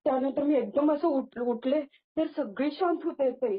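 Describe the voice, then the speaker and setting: Guest: young woman on a tinny phone line, slightly high voice, halting testimony full of restarts. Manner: halting, with many false starts and restarts. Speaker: guest sharing a devotional experience. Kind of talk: casual spoken testimony.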